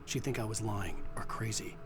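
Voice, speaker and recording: A man's voice: lowish voice, normal speed, soft background music, natural voice. A man voicing a troubled writer narrating. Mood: subdued. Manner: subdued, reflective. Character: troubled male writer narrating his ordeal. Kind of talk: game narration.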